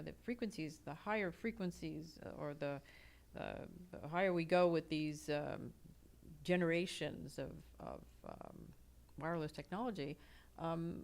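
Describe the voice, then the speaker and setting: A woman speaking as a podcast guest, hesitant and halting, with frequent pauses and restarts. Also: low voice, creaky, darkish tone. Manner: hesitant, many fillers and restarts. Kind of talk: casual conversation.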